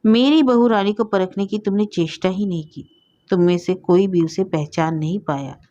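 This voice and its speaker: A woman's voice: mid-range voice, normal speed, mellow, lo-fi sound, lightly acted. A woman reading the lines of a stubborn, grief-struck aging elder brother in an insistent, pleading way. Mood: reproachful.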